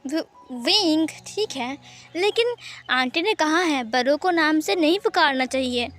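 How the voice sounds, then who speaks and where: A woman's voice: high-pitched, expressive, unhurried, a bit bright, faint music behind. A woman voicing a grown man who talks and whines like a five-year-old boy, in a fan fiction reading. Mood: childish. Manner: whiny, sobbing over a broken toy.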